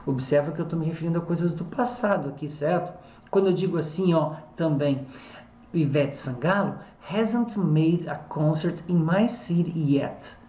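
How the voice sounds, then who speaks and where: An English teacher with a Brazilian Portuguese accent gives an online lesson. The teacher says English example sentences slowly and explains them quickly in Portuguese. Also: medium pitch, mellow, roomy sound.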